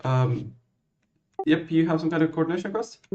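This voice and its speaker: A man working as a ground controller, giving clearances and commentary in a halting, self-correcting way. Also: fairly high pitch, a little mellow. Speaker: virtual air traffic ground controller. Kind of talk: radio clearances and explanatory commentary. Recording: muffled, roomy microphone sound.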